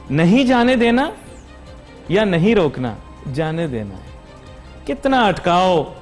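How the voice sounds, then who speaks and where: A man with a Pakistani Urdu accent hosting a business TV show, mocking and sarcastic in a monologue before interviewing a guest over a studio mic. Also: high voice. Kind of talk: satirical monologue then interviewing.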